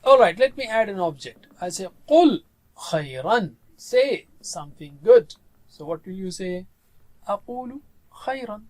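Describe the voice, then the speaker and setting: A man's voice: high voice, sing-song, slow, darkish tone. A man teaching a grammar lesson to a class. He patiently leads call-and-response drills and mixes English with Arabic words. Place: classroom with students.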